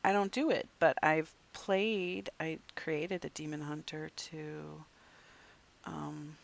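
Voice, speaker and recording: A game streamer chatting casually to viewers while playing, rambling along and dropping into soft muttered asides. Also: mid-range voice, vocal fry. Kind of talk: casual gameplay chat to viewers.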